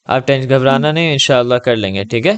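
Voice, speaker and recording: A man giving a patient one-on-one Arabic lesson over a video call, gently reassuring and checking in often. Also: mid-range voice, smooth, highs cut off. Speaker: Arabic tutor.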